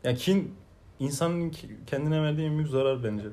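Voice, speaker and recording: Young male co-host with a slightly higher voice, animated and jokey, breaks into laughter. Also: a little fast. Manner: animated, laughs often, acts out quoted people. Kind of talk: casual chat.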